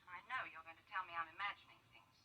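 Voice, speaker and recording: A bright, brisk, earnest schoolteacher from an old TV drama. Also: female voice, fairly low pitch. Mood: troubled. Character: earnest, worried young woman history teacher. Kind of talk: 1960s television drama acting. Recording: distant old TV audio with faint hiss.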